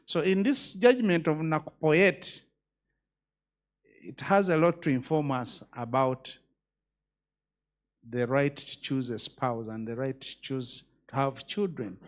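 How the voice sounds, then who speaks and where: A man's voice: medium pitch, slow pace, pauses often. A man, a judge giving a speech at a conference, emphatic and full of rhetorical questions.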